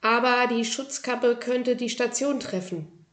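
A woman's voice: on the high side, measured pace, fairly bright tone, echoey room, pitched above the performer's own voice. Firm, instructive mission control from a storybook, voiced by a woman. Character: ground control voice giving instructions.

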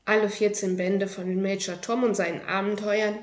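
Woman, book presenter, calm, clear, measured reading voice. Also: mid-range voice. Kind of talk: book review and reading aloud.

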